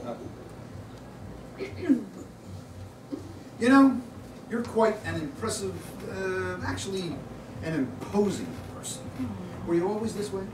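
A man's voice: high voice, expressive, unhurried, pauses often. An older man acting a wry, cautious yet defiant character in a staged play reading, heard in a theatre. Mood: wry, wary. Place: small stage in a club theatre before an audience. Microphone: distant audience camera. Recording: noisy, echoey theatre recording from far off.

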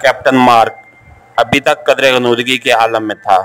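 A man narrating a novel as an audiobook in a steady storytelling manner. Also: mid-range voice, normal speed, smooth. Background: soft background music.

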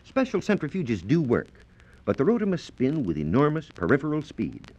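Heard on a dull, lo-fi 1940s radio transcription disc, a man with an American accent gives a formal, scripted science lecture in carefully chosen words. His slightly high voice has a darkish tone and huge pitch swings, moving at normal speed.

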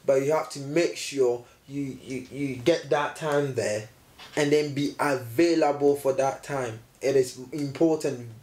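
With a slightly high, slightly mellow voice, this young man co-hosts a laid-back motivational talk from a sofa indoors, his sound carrying a roomy echo. The fitness vlogger hammers home his main points by repeating them emphatically.

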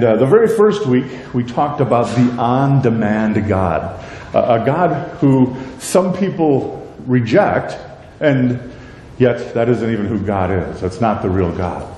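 A middle-aged pastor with a deep, warm, mellow voice preaches a sermon at an unhurried pace, his delivery lively and rising and falling. He's conversational, asking many rhetorical questions and joking at his own expense. He's recorded from some distance in an echoey church sanctuary, with a faint low rumble beneath.

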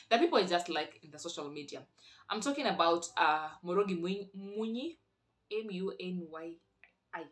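A young woman with a Kenyan accent runs a casual, chatty vlog, teasing and joking with her viewers as she switches between languages. Her voice sits a little low but sounds strikingly bright and forceful. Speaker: vlogger. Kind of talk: casual chat.

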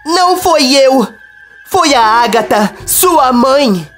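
A cornered woman defends herself in nervous, pleading lines, as a narrator reads her. The pitch moves widely. Faint music sits behind her. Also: lively intonation, measured pace, natural voice. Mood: desperate. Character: nervous woman under accusation. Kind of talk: read-out novela dialogue.

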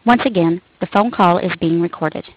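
A woman's recorded automated announcement on a payphone collect call, measured and scripted. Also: lowish voice. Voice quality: measured, even, scripted delivery. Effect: payphone call over a jail phone line. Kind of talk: recorded automated phone prompt. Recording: tinny phone line with noise and clicks.

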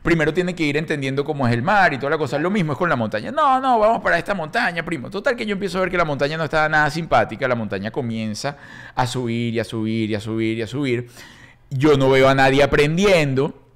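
A middle-aged man with a Venezuelan accent, co-hosting a podcast and telling a story in a casual, animated way, acting out quotes and laughing as he goes. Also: mid-range voice, fast. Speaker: podcast co-host.

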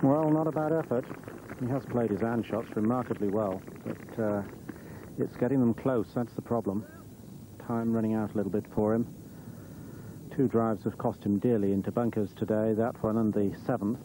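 Mellow, lowish male golf commentator. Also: fairly even intonation, a little fast. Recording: noisy old TV broadcast audio.

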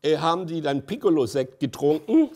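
A man's voice: fairly high pitch, very animated, normal speed, a little mellow. A man in his sixties, an interview guest, telling long anecdotes with many hesitant fillers and chuckles. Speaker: interview guest, festival director. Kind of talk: anecdotal conversation on stage.

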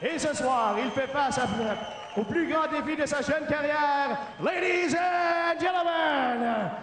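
A man working as a ring announcer, giving formal fight introductions in a drawn-out, theatrical delivery. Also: very high voice, raised voice, over a noisy crowd. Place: large indoor arena. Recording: echoey arena PA, distant, faint noise.

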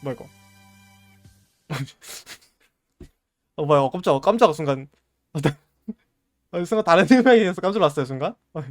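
A man's voice: a little high, expressive, a little slow, pauses often, dry recording, clean studio sound, soft background music. A man streaming a game, giving casual running commentary and playfully scolding his in-game item like a parent.

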